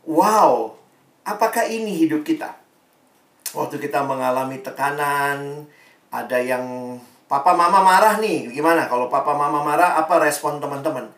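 A man's voice: fairly high pitch, moderate pace. Man preaching in an echoey hall. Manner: relaxed and conversational, slips in English Bible phrases. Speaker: preacher to young people. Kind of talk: sermon. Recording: echoey room, mic at a distance.

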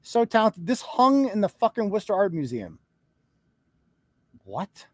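A man's voice: sits high, wildly swooping pitch, a little slow, slightly rough, no echo. A man hosting a live show, ranting sarcastically and profanely and mocking people in put-on voices. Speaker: podcast host.

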